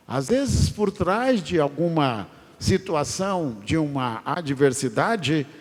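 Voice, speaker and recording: A pastor preaching a sermon in a church, telling stories with drawn-out, emphatic phrases. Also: male voice, mid-range voice, darkish tone. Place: large church. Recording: long church reverb.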